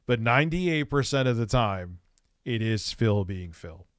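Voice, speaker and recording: A man's voice: mid-range voice, lively intonation, a little slow, smooth, dry recording. Dry-voiced man giving mocking commentary. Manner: profane, mocking, laughs often. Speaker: streamer reacting to clips. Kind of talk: casual reaction commentary.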